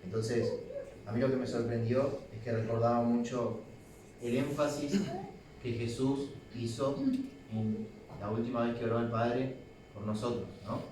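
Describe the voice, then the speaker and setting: Uruguayan preacher in an echoey church. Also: male voice, mid-range voice, steady tone, a little slow, a little mellow, far from the mic, a little hiss or hum. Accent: Uruguayan Spanish. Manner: conversational, with acted-out quotes and restarts. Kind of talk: sermon. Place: church hall.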